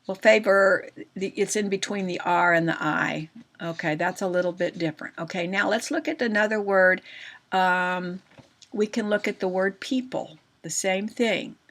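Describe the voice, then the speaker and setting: A woman teacher giving a recorded grammar lesson, patient and slow, often checking in with questions to her students. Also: mid-range voice, fairly bright tone.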